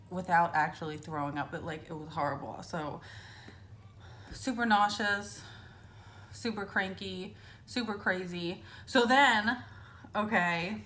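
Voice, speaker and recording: A woman's voice: medium pitch, a bit bright. Chatty woman telling stories to camera. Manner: chatty, storytelling with lots of fillers and acted-out quotes. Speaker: vlogger. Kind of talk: casual chat to camera.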